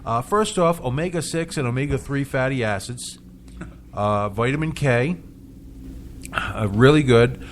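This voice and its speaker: A man of middle pitch talks casually as a local radio host, tripping over his own words and restarting, chuckling as he goes. A faint hiss of noise sits under the voice. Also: measured pace. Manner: chatty, stumbling restarts, chuckles often.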